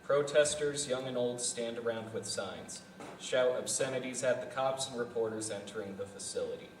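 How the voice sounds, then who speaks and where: A man with a mid-range voice reads stage directions plainly and matter-of-factly at normal speed during a live table read. The festival venue room is echoey, with a distant mic and faint noise.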